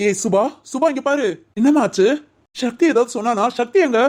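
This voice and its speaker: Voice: mid-range voice, a little fast, a little mellow, close to an everyday voice. A performer voicing a mischievous young village man in a cartoon. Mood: bantering. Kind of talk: Tamil cartoon voice acting.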